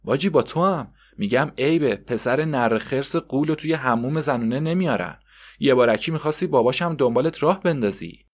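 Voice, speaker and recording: A man voicing a snobbish heavyset woman in a bathhouse who scolds in a shrill, contemptuous way. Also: close to an everyday voice. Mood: scornful.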